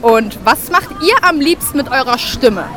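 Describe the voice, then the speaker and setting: A woman's voice: sits high, animated, moderate pace, background noise. A young woman reporter patiently interviewing children outdoors, asking simple, encouraging questions. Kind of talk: casual on-the-street interview. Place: busy outdoor town square. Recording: outdoor crowd and music behind.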